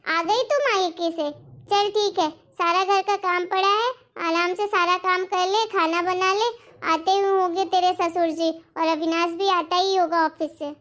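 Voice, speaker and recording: Woman doing a bossy saas, high thin voice, snapping out chores. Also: steady tone, unhurried, fairly bright tone. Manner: curt orders. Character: stern, bossy middle-aged mother-in-law.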